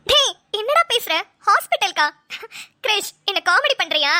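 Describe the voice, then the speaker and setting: A woman voicing a lively young woman who teases her childhood friend in quick banter. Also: extremely high pitch, full character voice. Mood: teasing.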